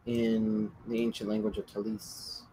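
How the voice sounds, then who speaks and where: A man's voice: lowish voice, completely flat delivery, a little slow, warm tone, a little hiss or hum, poor audio. A man narrating as game master in a tabletop game over voice chat, talking casually and rambling with fillers.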